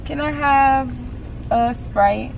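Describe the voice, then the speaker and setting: A woman's voice: high-pitched, slow, vocal fry, muffled recording. A young woman ordering food at a drive-through from inside a car, hesitating with ums as she orders. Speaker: vlogger's friend. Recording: loud traffic and crowd noise.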